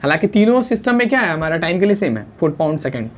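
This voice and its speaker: A man teaching a science lesson, constantly asking the class questions and answering them himself, urging students to write fast and mixing English unit names into his talk. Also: sits high, very animated, slight background noise. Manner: urges students to write quickly, calls them friend.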